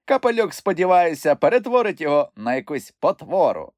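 A man voicing an eager, brave young male troll who speaks in an excited, raised voice in an audiobook. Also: a little high, a little fast, dry recording, voice pushed up. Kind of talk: audiobook character voice.

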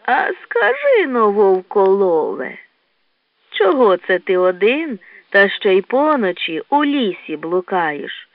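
A woman voicing a sly older male hedgehog with a slow, mocking way of talking. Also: mid-range voice, sing-song, dry recording. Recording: tinny lo-fi dry recording.

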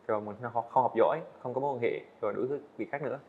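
Heard through phone-quality sound, a young man with a medium-pitched voice answers questions as a student animator in an indoor studio. He speaks fast and sincerely in a casual way, restarting phrases often.

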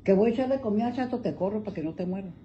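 A woman's voice: mid-range voice, very fast. An older woman, talking at home to her dog, scolding it yet doting on it with pet names. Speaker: dog owner. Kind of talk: casual talk to a pet. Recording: muffled home video with faint noise.

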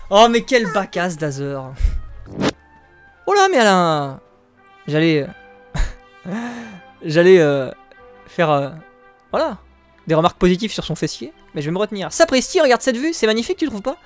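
A male streamer giving joking, crude, self-mocking live gameplay commentary, excitable and often laughing. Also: sits high, normal speed, long pauses, faint music behind. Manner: excitable, exclaims at the game.

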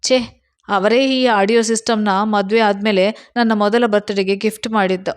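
A woman's voice: medium pitch, fairly even intonation, moderate pace, no echo, clean studio sound, natural voice. A woman reading a storybook voices a self-pitying young housewife who talks in a crying, complaining tone. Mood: plaintive.

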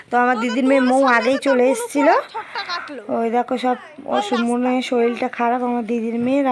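Hoarse middle-aged woman, chatty phone vlogger, a bit high-pitched. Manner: chatty, walking and pointing things out. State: hoarse from a cold. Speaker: family vlogger. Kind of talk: casual vlog narration.

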